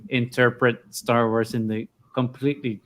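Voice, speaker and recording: A man co-hosting a podcast watch party, talking casually with halting starts and frequent laughs. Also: medium pitch, flat delivery, slight background noise. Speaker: podcast co-host.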